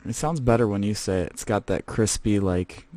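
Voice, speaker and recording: Speaking at a normal speed in a lowish, mellow voice close to how he'd normally talk, a man plays a scavenger hosting a comedy podcast in character. He's chatty, rambling and casual, filling his talk with fillers, and the recording is dry.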